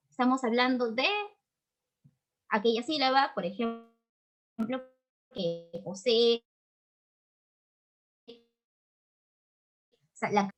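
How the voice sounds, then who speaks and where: A woman with a Peruvian accent teaching an online grammar lesson, explaining patiently and checking in often with quick tag questions. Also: on the high side, a bit bright. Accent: Peruvian Spanish. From Peru.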